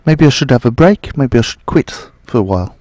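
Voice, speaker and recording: A man's voice: mid-range voice, animated, a little fast, darkish tone, dry recording. A man doing sarcastic, rambling let's play commentary. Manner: sarcastic, rambling and self-mocking. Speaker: gaming commentator.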